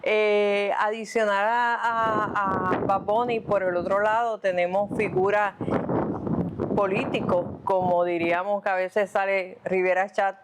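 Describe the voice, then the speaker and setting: A woman interviewing a guest, pausing and searching for her words as she asks questions. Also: mid-range voice, noisy background. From Puerto Rico.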